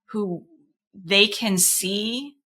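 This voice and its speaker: A woman guest coach speaking in an animated, playful way on a podcast. Her voice is bright, and her casual asides keep the talk loose. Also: medium pitch, drawn-out words.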